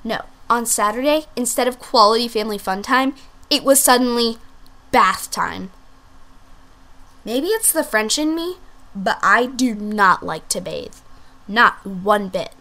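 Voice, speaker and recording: A woman's voice: expressive, unhurried, sharp tone, exaggerated voice. A woman reading a storybook aloud, voicing a sassy, pampered little female French bulldog with theatrical, diva-like flair. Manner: theatrical, diva-like, swooping pitch.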